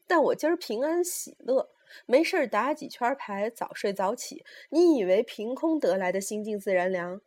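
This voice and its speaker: A woman voicing a fierce, sharp-tongued woman near seventy who scolds loudly and shouts at the young people around her. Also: on the high side, lively intonation, moderate pace. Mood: scolding.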